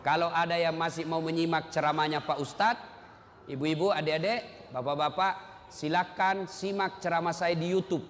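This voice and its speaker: A man's voice: fairly high pitch, steady tone, normal speed, a bit bright. A man preaching to a live audience. He tells stories, makes jokes and asks the listeners direct questions. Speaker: Islamic preacher. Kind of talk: lively sermon with storytelling and jokes. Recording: reverberant hall with faint ambient noise.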